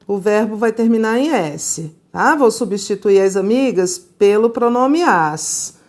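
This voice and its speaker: A woman teaching a grammar lesson, speaking deliberately and putting rhetorical questions to the class. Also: mid-range voice, lively intonation.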